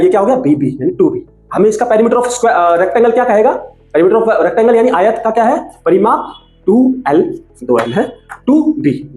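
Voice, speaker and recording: A man teaching maths in a casual, animated way, asking questions and then answering them himself. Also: high voice. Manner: animated, asks and answers his own questions. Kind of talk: casual classroom explanation. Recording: echoey room with faint music.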